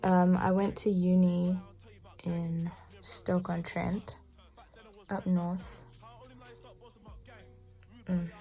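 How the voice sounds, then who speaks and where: Young woman with a gravelly voice. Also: on the low side, drawn-out words, long pauses, soft background music. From England. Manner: chatty, relaxed, often soft and half-whispered. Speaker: beauty vlogger. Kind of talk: casual makeup tutorial chat.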